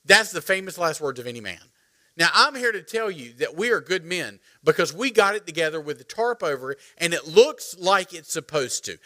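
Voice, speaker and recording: A middle-aged man, preaching a sermon as pastor, animated and joking as he calls on the congregation. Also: a little high, a little fast. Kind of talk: sermon with storytelling. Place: church sanctuary.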